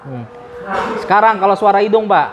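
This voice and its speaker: A man's voice: high-pitched, expressive, a little fast. A man teaching Quran recitation to a class in a prayer room, patiently drilling letter sounds one by one. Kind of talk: tajwid class, coaching students. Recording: roomy hall, dull lo-fi sound, crowd around.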